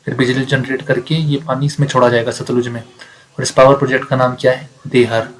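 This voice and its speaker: Speaking a little fast in a level, medium-pitched voice, a man gives an explanatory lecture on exam facts, recorded at low quality. His habit is to repeat facts, answer his own questions, and include English readings.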